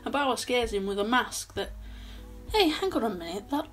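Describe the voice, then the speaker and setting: A woman's voice: a little high, sing-song, normal speed, fairly bright tone, soft background music. A young woman recapping a horror film in a casual, chatty way with sarcastic asides, filmed in a small bedroom at her desk. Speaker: film reviewer.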